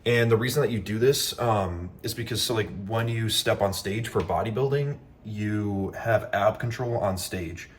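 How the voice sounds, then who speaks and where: A young man with a fairly low voice chats loosely into his camera, a bit winded and filling pauses with ums and likes. A faint hum of room ambience sits behind him. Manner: relaxed, rambling, many ums and likes. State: out of breath. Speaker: bodybuilding vlogger. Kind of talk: casual vlog talk to camera.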